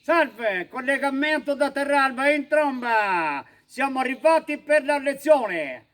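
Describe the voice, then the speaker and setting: A man's voice: very high-pitched, expressive, takes it slowly, a bit bright, full character voice. A man playing a cheerful boastful small-town man, who chuckles as he talks. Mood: jolly.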